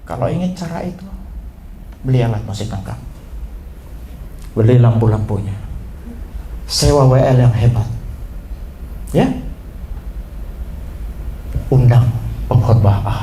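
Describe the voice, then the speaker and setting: A man preaching a sermon as pastor, swinging from low asides to high emphatic outbursts. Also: lively intonation, slow, pauses often, mellow. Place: church. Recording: echoey church hall, faint room noise.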